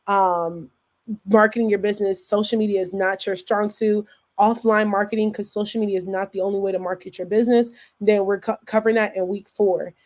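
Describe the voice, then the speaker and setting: Live-stream host, woman, warm dark tone, loose and chatty with viewers. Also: medium pitch. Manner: chatty, fillers and self-corrections, reads viewer comments aloud. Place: in or near Atlanta.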